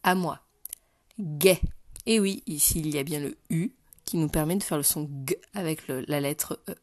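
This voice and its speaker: A woman's voice: sits low, brisk, no room sound. A woman teaching phonics to a young child, speaking patiently and directly to the learner. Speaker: primary school teacher.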